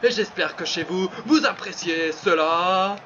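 A man commentating his own football video game career live, excitable, breaking into shouts and laughter before calming himself down. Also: sits high, a little slow. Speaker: gaming channel host. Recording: muffled lo-fi sound with steady background noise.

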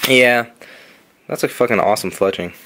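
A man's voice: medium pitch, moderate pace, background noise. A young man hosting a card pack opening, telling long, profane, rambling stories in casual chat in a basement. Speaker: host opening trading card packs. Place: basement room.

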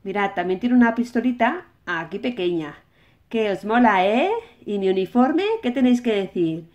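A woman's voice: mid-range voice, animated, moderate pace, a little mellow, lo-fi sound, natural voice. A woman with a Spain accent voicing a friendly, bossy toy policeman for children, chatty and sing-song. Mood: chatty, proud. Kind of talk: toy play-acting for children.

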